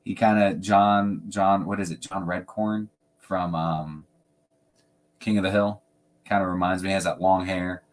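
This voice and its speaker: Man, livestream host, relaxed rambling chat, slightly low voice, laughs easily. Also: unhurried. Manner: laid-back, rambling, laughs often. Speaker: fragrance channel host.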